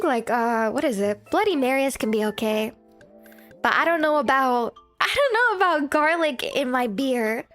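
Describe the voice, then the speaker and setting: High-pitched woman, cute giggly anime-streamer chatter. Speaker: livestream host. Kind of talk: casual chatty livestream talk to viewers.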